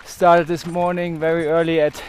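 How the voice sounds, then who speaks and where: A man's voice: on the high side, flat delivery, normal speed, a little hiss or hum. A male bike-race rider chatting cheerfully with the host, laughing often. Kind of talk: casual chat.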